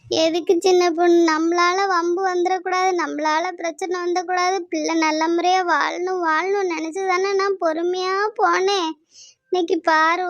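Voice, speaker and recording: A woman's voice: very high voice, no room sound, dull audio. A woman voicing a grieving, long-suffering middle-aged village mother in a cartoon, speaking with a pleading, lamenting manner. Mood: sorrowful. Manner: pleading, lamenting, sing-song complaints. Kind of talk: cartoon voice acting.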